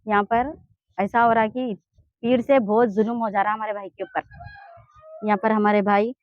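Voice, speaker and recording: A woman's voice: mid-range voice, little pitch movement, moderate pace, no echo, dull audio. A woman with a Hyderabadi Urdu accent, giving an urgent, pleading complaint in a street interview. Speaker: interviewee in a land dispute.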